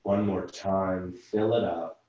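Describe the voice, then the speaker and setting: This low-pitched yoga instructor and physical therapist leads a class from a room at home over video call, calmly cueing breath and movement step by step at a slow pace. The recording is muffled and very echoey, with his voice distant from the mic.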